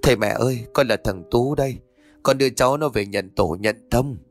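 A man voicing a middle-aged father in an audio story, calling out loudly and formally. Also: mid-range voice, fairly quick, soft background music, lightly acted. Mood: solemn. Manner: loud, formal address.

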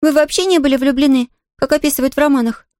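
A woman voicing an excitable, chatty young girl in an audiobook reading, talking in a breathless rush. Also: high voice, fast talker, no room sound, clean studio sound, voice pushed up, lightly acted. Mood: dismayed.

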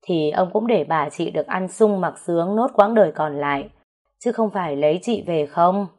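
A woman's voice: on the low side, normal speed, darkish tone, natural voice. A woman voicing a stern middle-aged man who heads the household and gives orders. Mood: calm. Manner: bossy, commanding.

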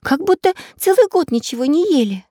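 Lady doing a squeaky little girl, giggly vibe. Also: sing-song, fairly quick, warm tone, dry recording, studio quality. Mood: amused. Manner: high, amused. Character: laughing young girl.

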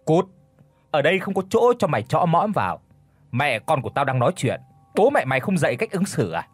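A man voicing a haughty, scornful rich older mother-in-law in a spoken story, with a husky voice. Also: a little high, big pitch swings, brisk, no echo, soft background music. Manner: scornful, cutting.

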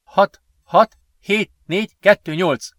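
A man doing a hurried, anxious teenage boy. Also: high-pitched, fairly bright tone, dry recording, studio quality, pitched above the performer's own voice. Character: nervous teenage boy Sven, code keeper. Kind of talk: audiobook character voice.

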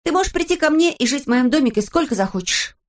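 A woman doing a bold, high-pitched storybook girl. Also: fast. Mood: excited. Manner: excited, emphatic, tearful exclamations. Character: bold, tender-hearted girl, loud and impulsive.

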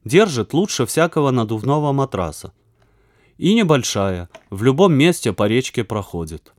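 Male reader voicing a brisk young schoolgirl for a kids' audiobook, dry close sound. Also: medium pitch, sing-song, no echo, natural voice. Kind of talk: audiobook character voice.

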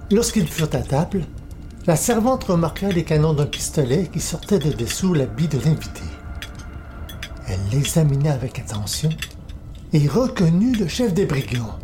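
A man calmly reading a folk tale aloud as a storybook narrator. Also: fairly high pitch. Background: soft music.

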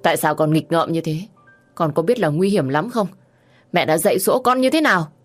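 A woman's voice: low voice, fairly quick, darkish tone, soft background music. A woman voicing a young single mother who is protective and strained, shifting from scolding to tearful pleading. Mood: upset.

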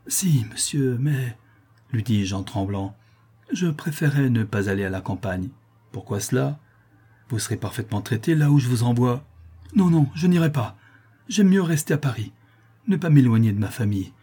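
Male reader as young servant woman, tearful, pleading, husky tone. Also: on the low side, lively intonation, moderate pace, dark tone. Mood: desperate pleading.

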